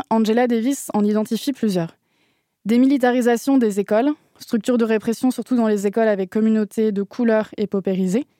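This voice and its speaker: A woman with a higher, mellow voice reads her activist radio column in a steady, earnest way. The sound is dry and close. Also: no echo.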